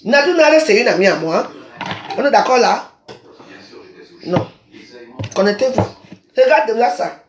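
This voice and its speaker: Recorded by phone in an echoing space, this social media personality speaks Cameroonian French and rages live online, hurling the same insults again and again. Her fairly high female voice is very animated, yet her pace stays measured, broken by long pauses.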